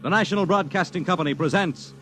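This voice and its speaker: A man's voice: high-pitched, fast talker, fairly bright tone. A man narrating a 1950s radio drama in a portentous, theatrical announcer's style. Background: music.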